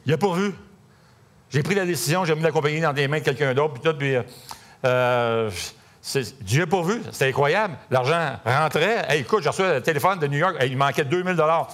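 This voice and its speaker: A man's voice: a little high, brisk, a bit bright. A middle-aged man with a Québécois French accent preaching a sermon in a conversational, storytelling way with many fillers. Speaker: pastor.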